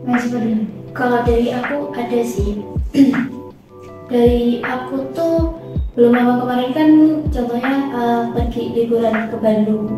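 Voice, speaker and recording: A woman's voice: on the high side, fairly even intonation, unhurried, pauses often. A young woman on a book discussion panel, chatty and acting out quoted thoughts. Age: young adult. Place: small studio at a table. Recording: roomy echo from far off, music behind.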